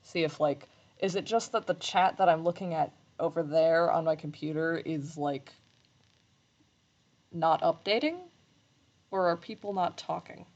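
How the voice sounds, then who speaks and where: A woman streaming live while she sews, chatting casually in a rambling, self-deprecating way, with slight vocal fry when she talks low. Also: a little slow, pauses often, darkish tone, dull audio. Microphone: desk microphone.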